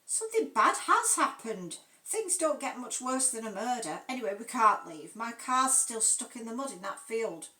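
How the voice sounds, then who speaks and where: A woman's voice: on the high side, sing-song, moderate pace, few pauses, bright, forceful tone. Woman voicing a blunt exasperated woman sleuth, frank, roomy echo, distant mic.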